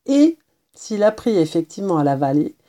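A woman narrating a children's novel as an audiobook, in a gentle, measured storytelling voice. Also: fairly low pitch, very animated.

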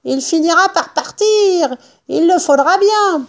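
A woman voicing a lanky, bony male farmer who shrieks furious threats in a strained, very high voice. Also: animated, measured pace, full character voice. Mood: furious shouting. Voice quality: shrill, strained shouting. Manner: screeching threats.

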